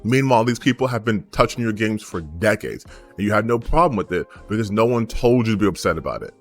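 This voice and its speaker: Blunt, ranting American man with low voice. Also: lively intonation, quick pace, soft background music. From United States. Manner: emphatic, blunt and frustrated, with repeated rhetorical questions; casual, swears freely. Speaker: gaming YouTuber. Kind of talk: unscripted opinion rant to camera.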